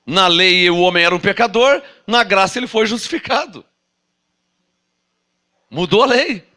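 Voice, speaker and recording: An apostle with a Brazilian Portuguese accent delivers an animated sermon, his voice sitting high and moving at normal speed. He fires off rhetorical questions and plays the part of doubters.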